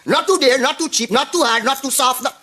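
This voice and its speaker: An actor playing a fussy, insistent shop owner in a sitcom. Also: male voice, very high voice, brisk, background noise. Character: bossy older male barber dreaming big. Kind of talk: sitcom acting.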